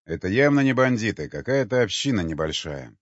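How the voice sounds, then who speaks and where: A man's voice: lowish voice, big pitch swings, a little fast, no echo. A man voicing a weary, blunt expedition leader who talks with sarcastic exasperation. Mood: exasperated. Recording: dull lo-fi dry recording.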